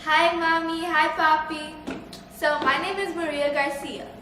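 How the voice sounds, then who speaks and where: Young girl doing silly señorita news witness, high voice, echoey and distant. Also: fairly even intonation, measured pace. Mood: silly storytelling. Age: young adolescent, about 12 to 13. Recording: noisy, echoey room, distant mic.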